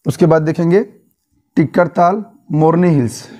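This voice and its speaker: A man's voice: on the high side, normal speed, mellow. A young man from Uttar Pradesh teaching an exam-prep lesson, repeating points and quizzing listeners with tag questions. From Uttar Pradesh, India.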